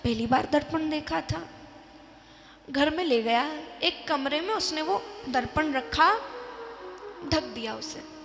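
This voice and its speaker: A woman devotional storyteller telling a religious story in an animated way, acting out voices, at a live event in a large hall. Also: high voice, slow pace, vocal fry, pauses often, faint music behind. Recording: echoey hall with long reverb.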